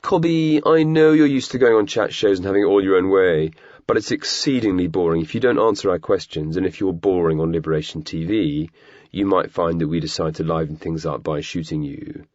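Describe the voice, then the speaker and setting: A man's voice: sits low, brisk, darkish tone, no echo, lo-fi sound, close to an everyday voice. A man voicing a pompous, sarcastic young male activist hosting a webcast, talking in a theatrical way. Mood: mocking.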